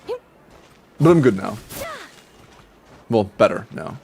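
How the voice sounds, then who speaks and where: This young man's voice sits fairly low, with big pitch swings, a slow pace, a creaky, darkish, slightly rough quality. He's livestreaming a game, chatting loosely with viewers through a congested nose, rambling, restarting, swearing offhandedly and laughing.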